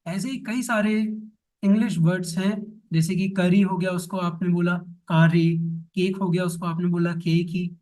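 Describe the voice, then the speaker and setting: A man teaching Japanese restaurant phrases in Hindi, saying each example sentence slowly and repeating it. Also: sits high, fairly even intonation, darkish tone, recorded from a distance, rough recording. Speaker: language teacher.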